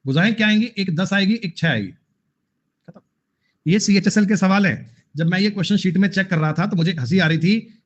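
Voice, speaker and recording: A man's voice: high-pitched, highs cut off. A man teaching an online math class, repeating points and scolding students in a teasing way. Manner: scolding, repetitive, addresses students as beta.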